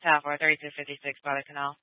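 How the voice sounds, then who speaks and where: A man's voice: fairly high pitch, very fast, no room sound. Man dispatching over a tinny police radio. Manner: clipped, flat, procedural. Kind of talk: terse radio dispatch codes. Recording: tinny narrow-band radio transmission.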